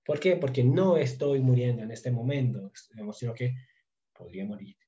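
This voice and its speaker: Man teaching with mellow, dull-sounding audio. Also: mid-range voice. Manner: thinks aloud with many fillers; slow, drawn-out drilling of conjugations. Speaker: Turkish teacher. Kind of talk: online lesson.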